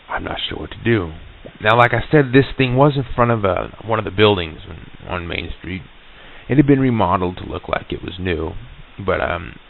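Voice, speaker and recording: A man's voice: sits low, creaky. A man telling a personal ghost story in a rambling, folksy, profane way with many restarts, recorded on lo-fi reel-to-reel tape.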